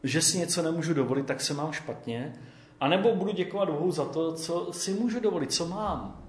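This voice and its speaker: Conversational preacher man in echoey room. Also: on the high side. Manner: conversational, often adds "jo?". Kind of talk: sermon.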